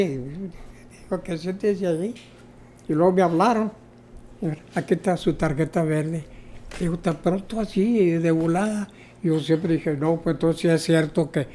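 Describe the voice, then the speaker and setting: A man's voice: high voice, warm tone. An older man, telling his personal testimony as an interview guest, hesitant, with many fillers. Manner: storytelling, hesitant with repeated fillers. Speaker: interview guest, former co-pastor.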